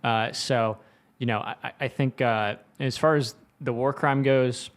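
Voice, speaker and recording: A man co-hosting a news show, speaking in a relaxed, casual way with many fillers and reading quotes aloud. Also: medium pitch, unhurried.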